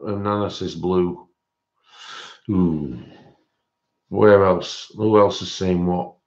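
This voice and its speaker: A man's voice: sits low, fairly even intonation, slow, a little mellow, lo-fi sound. A man hosting a livestream, chatting casually with viewers and thinking aloud in a hesitant way. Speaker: livestream host.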